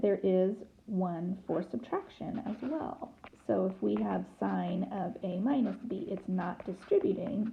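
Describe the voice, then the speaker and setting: A woman teacher walks through a recorded whiteboard lesson in a gravelly, mid-pitched voice, chanting formulas in rhythm. Her asides are dry and teasing. The tablet recording sounds dull and lo-fi, with a faint hiss behind her. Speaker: math teacher. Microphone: tablet mic.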